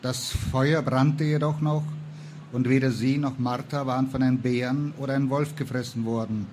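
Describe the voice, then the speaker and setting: A man reading a historical novel aloud in a calm, even storytelling manner. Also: mid-range voice, normal speed, slight background noise. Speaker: reader.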